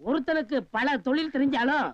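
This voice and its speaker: An actor playing a grateful sidekick who agrees with everything said to him. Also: male voice, extremely high pitch, a little fast, dry recording, muffled recording. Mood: agreeable.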